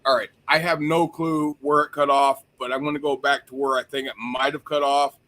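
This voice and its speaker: A man's voice: mid-range voice, flat delivery, fairly quick, sharp tone. A man hosting a livestream, chatting casually and swearing freely as he rants. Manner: profane, rambling, heated when ranting. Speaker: stream host.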